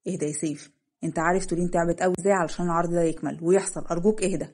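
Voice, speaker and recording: A woman voicing a young man who calms his friend, soothing and pleading, with an Egyptian Arabic accent. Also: fairly low pitch, very fast, breathy edge. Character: young male friend, calm peacemaker.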